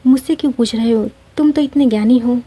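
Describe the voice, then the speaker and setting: A woman's voice: fairly high pitch, fairly quick, mellow, breathy edge. A woman voicing a lazy young man in his twenties who grumbles and answers sarcastically, in a cartoon story. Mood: grumbling. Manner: whiny and sarcastic.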